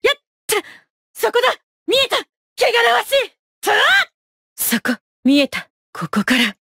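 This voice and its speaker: In full character voice, a young female fighting-game knight speaks a little slowly in a high, pushed, bright voice with huge pitch swings and vocal fry. She is fierce, haughty and coolly ruthless, polite in wording yet imperious, delivering clipped battle lines in a dry, close recording without room sound.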